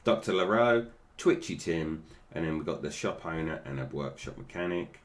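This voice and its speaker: A man's voice: rumbling low, lively intonation, normal speed. A British man giving casual, unscripted toy review commentary, with slightly slurred, toothless articulation that stumbles over names.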